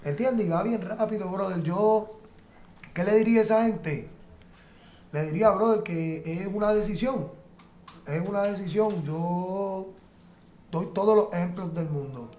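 With a high yet dark-toned voice and an unhurried pace, a man appearing as a guest artist shares heartfelt advice in a casual interview. He's emphatic and repetitive, often adding "brother" and "¿entiendes?"; the sound carries reverb and a little hiss or hum.

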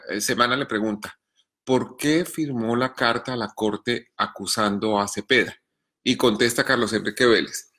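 A man, reading his news column in a measured, deliberate way, then answering viewer questions between coughing fits. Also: mid-range voice, bright, forceful tone. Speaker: journalist columnist.

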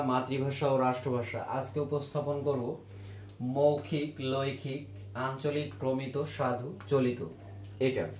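A man's voice: medium pitch, reverberant. A man teaching a grammar lesson to students, asking questions and then answering them himself.

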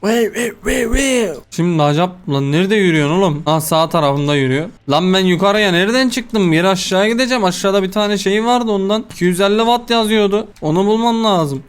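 A man's voice: sits high, brisk, few pauses, smooth. A young man giving casual let's-play commentary on a horror game, jumpy and swearing, talking back to the game at a desk mic. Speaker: gaming YouTuber.

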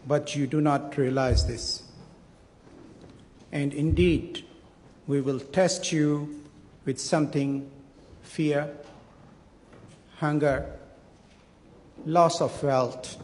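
A middle-aged man reading a translation and offering a prayer in a measured, solemn manner at a stand microphone in a large parliament chamber. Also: on the high side, a little mellow. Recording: long reverb of a large hall.

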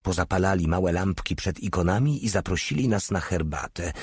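A man narrating an audiobook in a steady, measured reading. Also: deep voice, slightly rough, no room sound, clean studio sound. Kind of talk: scripted narration.

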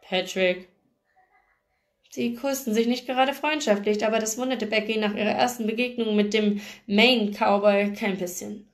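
A woman with a fairly high voice reads a novel aloud, steady and expressive. Her narration moves evenly from line to line. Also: normal speed. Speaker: book reader.

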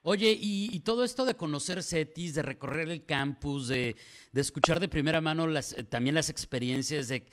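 A man's voice: a little high, moderate pace. A Mexican man in his forties hosting a morning radio interview from a small studio, asking long, winding questions. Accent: Mexican Spanish. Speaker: radio news host. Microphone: studio mic on stand.

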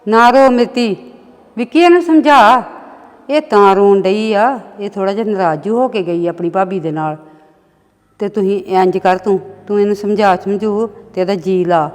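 A woman's voice: mid-range voice, moderate pace, big-room sound, lightly acted. A middle-aged woman with a Punjabi accent acting a soothing, motherly mother on a phone call.

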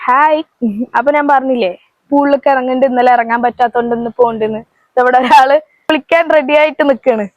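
A woman's voice: high voice, fairly even intonation, fast, dry recording, lo-fi sound. A woman with a Kerala Malayalam accent hosting a casual vlog, chatting directly to viewers and companions. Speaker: vlog host.

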